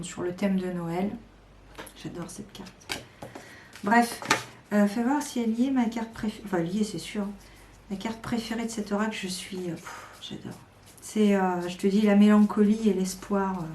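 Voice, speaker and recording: A woman's voice: mid-range voice, dark tone. A woman chatting casually to her viewers about her card decks, hesitant with many fillers and enthusiastic. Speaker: tarot and oracle card YouTuber. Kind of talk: casual chat to camera. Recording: echoey room with faint noise.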